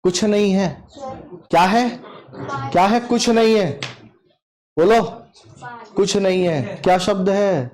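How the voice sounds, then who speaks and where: Slow, emphatic man teaching a class. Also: high-pitched, a little mellow. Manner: drills students, repeating questions and answers aloud. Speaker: Hindi teacher. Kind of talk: classroom exam-prep lesson.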